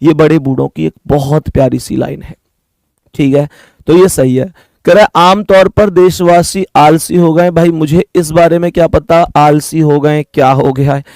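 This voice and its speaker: A man's voice: fairly high pitch, steady tone, moderate pace, gravelly, darkish tone, no room sound, clean studio sound. A young man teaching an online exam-prep reasoning lesson, chatty, repeating key points and calling his students dear children.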